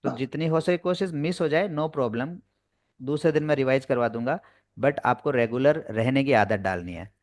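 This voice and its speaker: A man gives a spoken English lesson over a video call, patiently going over each point again. His voice sits at a middle pitch and sounds dry and close, with no room around it. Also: moderate pace, no echo. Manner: explains in Hindi mixed with English terms, patient and repetitive. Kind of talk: online class lecture.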